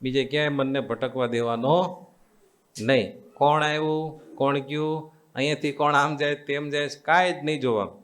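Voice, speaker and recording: With a voice on the high side, fairly bright and fairly even in intonation, a Gujarati-accented swami preaches devotionally to a live assembly at a moderate pace with long pauses. His teaching is coaxing and repetitive, and he quizzes listeners with call-and-response questions.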